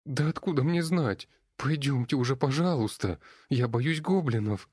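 A man's voice: medium pitch, moderate pace, a little mellow, slightly rough, no room sound, clean studio sound, pitched above the performer's own voice, lightly acted. A man voicing a frightened young half-elf girl who speaks timidly and pleads, in an audiobook. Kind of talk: audiobook character voice.

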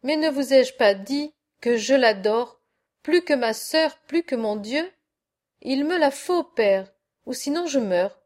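A woman's voice: high-pitched, lively intonation, slow pace, a little mellow. A woman voicing a passionate, lovesick young peasant man who pleads with his father in a storybook reading. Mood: pleading. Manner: pleading, impassioned. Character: passionate young poor basket-weaver, lovesick.

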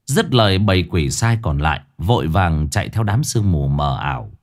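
A man narrating a ghost story in an expressive storytelling manner. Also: low voice, moderate pace, a little hiss or hum. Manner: animated, expressive.

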